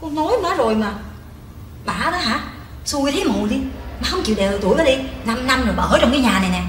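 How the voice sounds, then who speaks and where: On a large theater stage, a comic actor with a Southern Vietnamese accent plays a whiny, gossipy grown daughter in a live sketch, teasing and complaining in a high, expressive, quick voice. The sound is echoey, with background noise.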